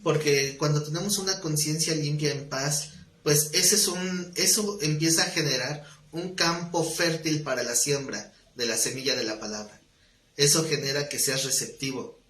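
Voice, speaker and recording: A man's voice: fairly high pitch, moderate pace, fairly bright tone, roomy sound. A man teaching a Bible study class in a conversational way, telling stories with acted dialogue and asking the class questions.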